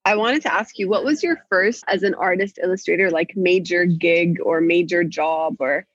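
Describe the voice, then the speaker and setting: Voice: mid-range voice, normal speed, a bit bright, no echo. A host asking interview questions in a curious, chatty, encouraging way. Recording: dull, lo-fi, husky sound.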